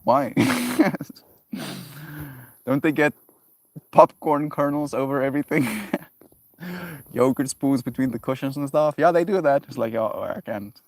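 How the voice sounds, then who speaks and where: A man talking casually to his livestream audience in an animated, joking way and laughing often. His voice sits in an ordinary middle range. The sound is close and dry, with no room echo. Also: a little high, measured pace, pauses often. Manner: animated, laughs often, talks back to chat. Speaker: livestream host reading chat.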